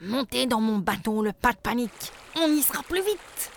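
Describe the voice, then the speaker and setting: A woman's voice: fairly high pitch, animated, normal speed, creaky, a little hiss or hum. A woman voicing a fussy, anxious male duck who fretfully bosses and complains. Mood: bossy.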